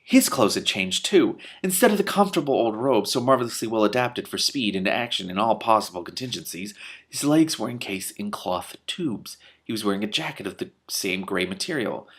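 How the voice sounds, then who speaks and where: A man with a lowish, animated, brisk voice reads a comic novel aloud and comments on it, tripping over words and starting again. He keeps interrupting the narration with loud outbursts of disbelieving swearing.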